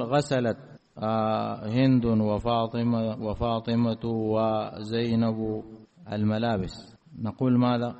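A man's voice: mid-range voice, a little mellow. Male grammar teacher in a reverberant hall. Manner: asks students rhetorical check questions; slows to stress example words. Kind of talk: classroom grammar lesson. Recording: reverberant hall, dull lo-fi sound.

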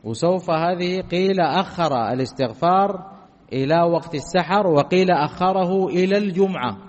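A man's voice: high-pitched, moderate pace, a little mellow, big-room sound, highs cut off. A man teaching a grammar lesson, who puts questions to his class and answers them himself while repeating the key points.

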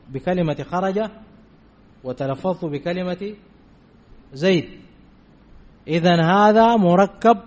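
Man, grammar teacher, fairly high voice, repeats terms and checks in with students, muffled lo-fi recording. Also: a little mellow. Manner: repeats key terms, often asks "did we understand?". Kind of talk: Arabic grammar lesson. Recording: dull lo-fi recording.

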